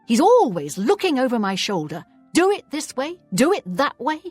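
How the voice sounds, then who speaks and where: Lively, opinionated townswoman. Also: high voice, normal speed, slightly rough, faint music behind, exaggerated voice. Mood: griping. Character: opinionated townswoman in fantasy game. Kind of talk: scripted game character dialogue.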